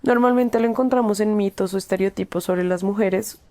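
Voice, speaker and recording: A young woman with a cold hosts a podcast as a psychology student, moving steadily through prepared points before interviewing a guest. Her mid-range voice is brisk and warm in tone.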